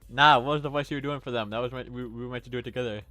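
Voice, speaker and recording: A man's voice: mid-range voice, fairly even intonation, rapid-fire, bright, forceful tone. A man on a casual livestream with friends, reading game lines in a mock-formal way between jokes. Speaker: streamer voicing a game's dialogue.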